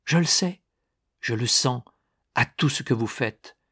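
A man's voice: mid-range voice, a little slow, pushed and bright, husky, no room sound, clean studio sound, heavily acted. A man reading aloud, voicing an aging woman who pleads desperately and falters through tears. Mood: pleading. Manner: breathless, faltering pleas.

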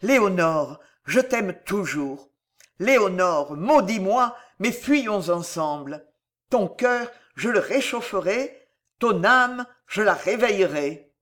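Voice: mid-range voice, expressive, slow, a bit bright. A reader doing a doomed, tormented old cardinal. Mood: pleading. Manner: solemn, impassioned warnings. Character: grave older man, a doomed tormented cardinal. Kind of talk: audiobook character voice.

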